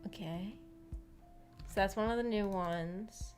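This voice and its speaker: A woman streamer hosting a visual novel book club chats casually with viewers in a mid-range voice, speaking slowly. She rambles and thinks aloud in a giggly way, with background music playing.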